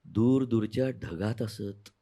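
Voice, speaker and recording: A man with a Marathi accent reciting his poem in a soft, lingering voice, half singing the refrains. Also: fairly low pitch, slow pace, vocal fry. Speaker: poet. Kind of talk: poetry recital, half sung.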